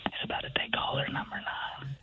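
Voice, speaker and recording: A radio co-host whispering anxiously while hiding under a desk in another studio. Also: male voice, brisk, pushed and bright, lo-fi sound. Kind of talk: whispered live radio bit.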